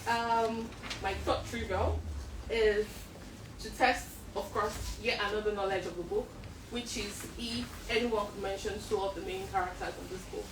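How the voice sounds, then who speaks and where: A woman's voice: medium pitch, fairly even intonation, normal speed. A woman from Nigeria, hosting a book club chat before a live audience and laughing often with them. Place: library event room with an audience. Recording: echoey room, mic far off, noisy.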